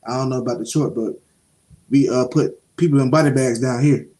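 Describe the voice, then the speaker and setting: A young man, co-hosting a casual show review and telling stories in an animated, streetwise way, swearing freely. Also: mid-range voice, a little fast. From Jacksonville, Florida (Duval). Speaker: podcast co-host.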